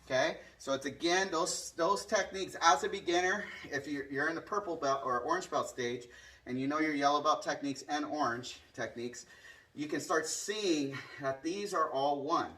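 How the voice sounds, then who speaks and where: A man's voice: fairly high pitch, moderate pace, pushed and bright. A man working as a martial arts instructor, explaining a hands-on demonstration casually and punctuating it with short counts and strike sounds. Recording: distant microphone.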